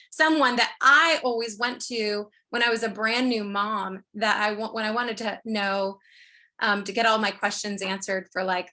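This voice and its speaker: A woman in her thirties, introducing a friend on a webinar with a chatty, rambling story over a video call. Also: a little high. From Ohio. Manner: warm storytelling with fillers. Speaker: network marketing leader.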